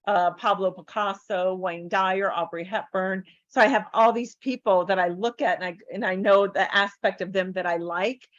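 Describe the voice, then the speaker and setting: A woman coach telling lively stories as a podcast guest, acting out the voices of the people in them. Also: mid-range voice, moderate pace, few pauses, no echo, lo-fi sound. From United States. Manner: animated, acts out voices in her stories. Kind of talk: podcast interview storytelling.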